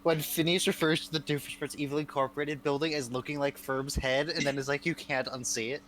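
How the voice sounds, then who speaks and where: A man's voice: a little high, flat delivery, quick pace, a bit bright, a little hiss or hum, rough recording. A man hosting a live stream, chatting casually and telling rambling anecdotes full of fillers, often breaking into laughter. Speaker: streamer host.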